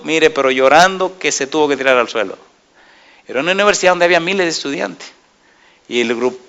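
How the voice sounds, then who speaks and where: Pastor predicando con fuerza, voz brillante. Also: male voice, on the high side. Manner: preaches with many rhetorical questions to the congregation, lively storytelling. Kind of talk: sermon.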